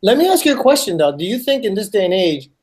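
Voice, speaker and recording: Man, high voice, casual podcast chat, lots of likes and you knows. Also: big pitch swings, fast, darkish tone. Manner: loose, filler-heavy questions. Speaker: podcast co-host.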